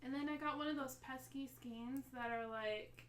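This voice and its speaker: A woman's voice: high voice, fairly even intonation, normal speed, a bit bright. A woman co-hosting a casual craft podcast, cheerful and teasing herself. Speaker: podcast co-host. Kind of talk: casual chat. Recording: roomy echo.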